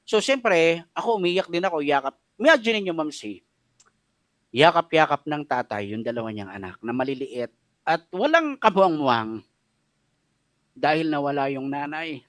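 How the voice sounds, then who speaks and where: A man's voice: on the high side, sing-song, normal speed, pauses often, a bit bright, no room sound, clean studio sound. A middle-aged man with a Filipino accent preaching a radio sermon, telling a personal story with feeling and mixing Tagalog and English. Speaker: pastor.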